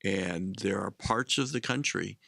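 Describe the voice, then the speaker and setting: Man, gravelly, low, bright edge, dry close sound, measured explaining. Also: no room sound. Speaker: co-host. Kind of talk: casual discussion.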